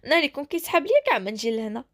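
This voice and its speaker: Woman doing a bubbly young woman, Moroccan accent, cheeky, high voice, fast talk, storybook. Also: sing-song, fairly bright tone, no echo, clean studio sound. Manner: playful, cheeky. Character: bubbly teasing young woman, rookie cop.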